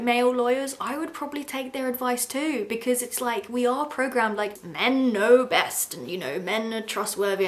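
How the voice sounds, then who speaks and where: A young woman giving a chatty, casual commentary, full of fillers as she retells scenes. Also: mid-range voice. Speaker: video essayist reviewing a TV series.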